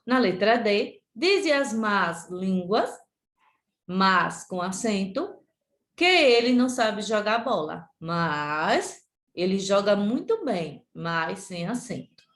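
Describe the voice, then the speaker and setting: Brazilian lady teacher w sergipe accent, talks real slow to kids, repeats stuff, roomy echo. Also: mid-range voice, sing-song, a bit bright. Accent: Sergipe Brazilian Portuguese. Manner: slow, deliberate, repeats words for children. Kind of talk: remote class lesson.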